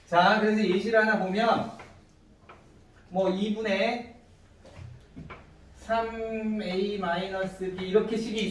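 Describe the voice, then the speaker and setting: A man with a fairly high voice teaches a math lesson to a classroom of students. He walks through each step and keeps checking that they follow. He is recorded from a distance in a very echoey room with faint background noise. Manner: asks students frequent check-in questions.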